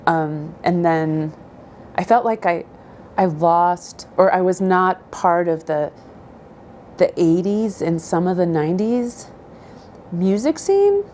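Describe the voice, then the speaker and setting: There is a faint hiss or hum as this middle-aged woman, a native Spanish speaker from southern Idaho, takes interview questions. Her lowish, darkish voice is animated, yet she answers in a measured, thoughtful way, stopping frequently to pause.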